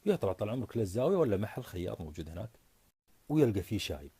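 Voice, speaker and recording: A man telling a story in a casual, animated way. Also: fairly low pitch, breathy edge, no room sound. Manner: rapid, animated, conversational.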